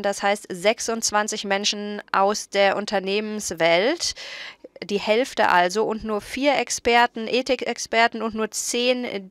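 A woman interpreting a panel discussion live from a booth. Her voice is smooth and clean, with a dry, close sound and no room echo. She keeps a steady relaying tone and often corrects herself mid-phrase. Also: medium pitch. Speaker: simultaneous interpreter.

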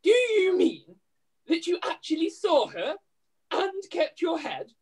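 A woman acts out a high-pitched pantomime dame. She is a brash, long-suffering widowed mother, arch and given to exclaiming. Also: big pitch swings, slow pace, darkish tone, full character voice. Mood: nagging, incredulous. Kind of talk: amateur pantomime read-through. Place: room, on a video call.

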